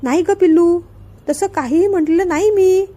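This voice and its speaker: A woman reading the lines of a gentle, doting young father in a storybook reading. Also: high voice, fairly even intonation, normal speed. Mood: tender. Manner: soft coaxing tone.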